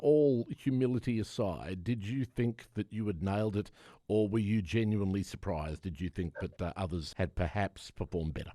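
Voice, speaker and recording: A man's voice: lowish voice, normal speed, mellow, no echo, clean studio sound. A man hosting a conversational interview, asking inquisitive questions and reacting with folksy exclamations. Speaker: interviewer, host.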